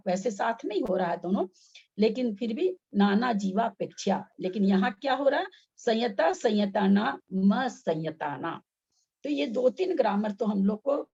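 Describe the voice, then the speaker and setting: Woman teacher going over sanskrit sounds step by step, a bit high, muffled call audio. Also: dark tone, husky. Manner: patient, explains step by step with repeated examples. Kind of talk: online class lesson.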